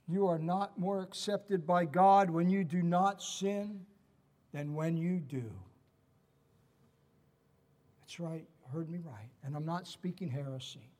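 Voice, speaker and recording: A middle-aged male pastor delivering a sermon in an earnest, emphatic way. His voice sits somewhat high for a man, and he drives points home by repeating them. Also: steady tone, a little slow, darkish tone, long reverb tail. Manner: earnest preaching with emphatic repetition.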